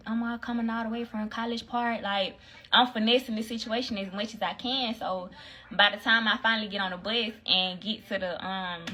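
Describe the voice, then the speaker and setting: A woman's voice: mid-range voice, pushed and bright, low-quality recording. A young woman, casually telling a story on a phone livestream in slangy, candid talk. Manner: candid, slangy, acts out both sides of quoted dialogue. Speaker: livestream host.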